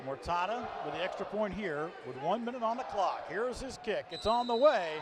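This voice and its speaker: A man calls arena football play-by-play, his voice riding very high over the game. He gets excited and shouts on the big plays. Heavy arena noise sits behind him the whole way. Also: normal speed. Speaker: play-by-play announcer. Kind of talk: play-by-play commentary. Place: indoor arena broadcast booth.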